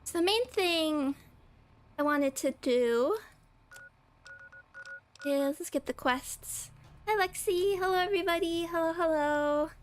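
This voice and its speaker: With a very high-pitched voice, a young woman streams a game and chats casually, speaking slowly and pausing often. Her cold leaves her a little scratchy, and she's giggly and talkative, laughing often and saying hi to viewers by name.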